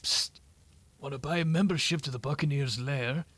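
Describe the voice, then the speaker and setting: A man's voice: mid-range voice, normal speed, fairly bright tone, no room sound. A man putting on an old man's voice to read out a scheming game merchant's lines. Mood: sly. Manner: creaky put-on old man voice. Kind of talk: reading game dialogue aloud in voices.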